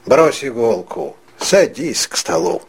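A man voicing a gruff, threatening middle-aged vagabond who heads a poor family in an audiobook reading. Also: medium pitch, big pitch swings, slow pace, full character voice. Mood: gruff, kindly. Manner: menacing, mock-theatrical threats.

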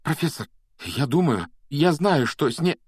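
An eager young schoolboy wizard, as a male narrator plays him, raised a few steps higher than the reader's own voice and pressing hard with urgent insistence. It is heard in a dry, close storybook reading. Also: sing-song, unhurried, breathy edge, no echo, full character voice. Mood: insistent.

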